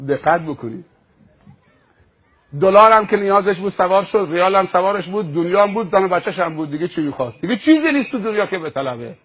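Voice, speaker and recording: Husky, high-voiced male preacher. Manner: animated, dramatic storytelling with repetition. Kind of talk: sermon storytelling.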